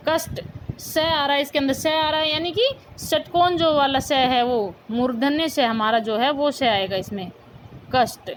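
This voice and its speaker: A woman teacher giving a school grammar lesson, saying each word slowly and repeating it for her pupils. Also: high-pitched, noisy background. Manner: slow, repeats words for pupils.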